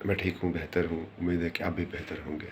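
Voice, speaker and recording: A man's voice: deep voice, level tone, quick pace, a little hiss or hum. A man giving an informal religious talk, earnestly explaining points and repeating phrases for emphasis. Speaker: speaker giving religious advice.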